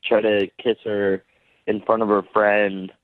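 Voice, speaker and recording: A man calling in to a radio show, telling his story slowly and hesitantly. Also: on the low side, level tone, no room sound. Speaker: radio caller. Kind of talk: phone-in chat. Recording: tinny phone line.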